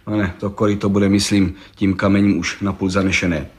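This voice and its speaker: A man voicing an excitable, boastful middle-aged village gendarme who tells his tale in an eager, rambling rush. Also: sits low, pitched below the performer's own voice, close to an everyday voice. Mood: excited. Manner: rambling, eager, breathless storytelling. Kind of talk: audiobook reading.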